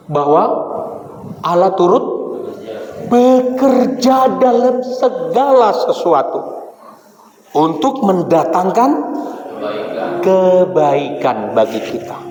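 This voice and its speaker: A man's voice: a little high, darkish tone. A man preaching as a pastor, mixing sung hymn lines with chuckling everyday stories. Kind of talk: sermon. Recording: echoey church hall with faint ambience.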